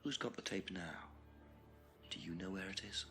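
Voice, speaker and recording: An actor playing a calm police detective who questions suspects in measured, pointed sentences, in a live-action video game. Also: male voice, sits low, soft background music. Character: probing calm male police detective, middle-aged.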